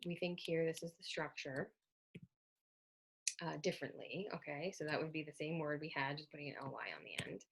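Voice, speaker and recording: Husky, gravelly-voiced woman teaching spelling. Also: low voice. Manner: explanatory, spells out letters, frequent ums and self-corrections. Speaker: literacy educator presenting slides. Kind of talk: recorded presentation lecture.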